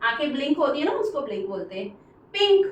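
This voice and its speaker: A woman with an Indian accent teaching English pronunciation, saying each word slowly and repeating it for the class. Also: high voice, expressive. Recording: echoey room, voice from far off.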